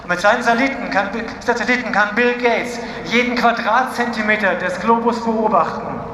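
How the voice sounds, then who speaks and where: A man's voice: high-pitched, brisk. A man interpreting a speech phrase by phrase at an outdoor demonstration, now and then restarting a word. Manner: translating phrase by phrase, occasionally restarting words. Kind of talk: consecutive interpreting at a rally. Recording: echoey outdoor loudspeaker sound with crowd noise.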